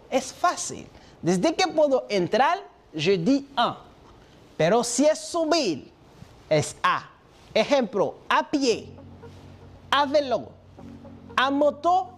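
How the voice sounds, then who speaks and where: A man leads a televised French lesson, moving back and forth between French and Spanish as he drills vocabulary. He speaks slowly, with a lively, rising-and-falling melody. He praises each answer with encouragement. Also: extremely high pitch. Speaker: French teacher.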